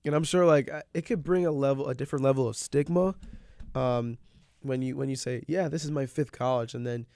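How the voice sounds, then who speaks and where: A man's voice: mid-range voice, a little fast, vocal fry, a little mellow, dry recording. A young man talking casually as a co-host on a podcast. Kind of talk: casual chat.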